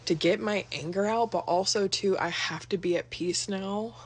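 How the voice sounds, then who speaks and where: A woman's voice: mid-range voice, normal speed, husky. A woman telling a rambling, profane personal story for her vlog, sitting on her bed at home. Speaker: vlogger.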